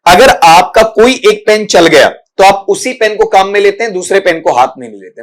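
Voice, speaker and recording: A man from India teaching an exam prep English lesson. He repeats words slowly and calls his students "beta". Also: sits high.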